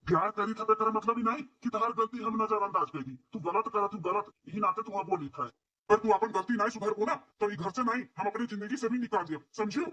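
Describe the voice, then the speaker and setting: A man's voice: high voice, fairly quick, pushed and bright, recorded from a distance. A man playing a firm young Awadhi husband. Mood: stern. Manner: firm, lecturing. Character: young husband siding with his mother. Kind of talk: cartoon comedy voice acting. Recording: voice a little off-mic.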